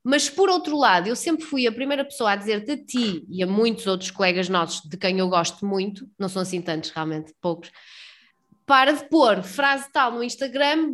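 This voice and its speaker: Woman, kinda high voice, chatty and slangy, emphatic, casual podcast talk. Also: fairly bright tone. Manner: talkative, informal, slangy, emphatic. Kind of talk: casual chat.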